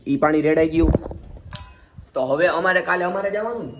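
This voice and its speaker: A man's voice: fairly high pitch, fairly quick, background noise. A young man with a Gujarati accent, chatting casually to viewers in a vlog. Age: young adult. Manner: chatty, addresses viewers as guys. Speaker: vlogger.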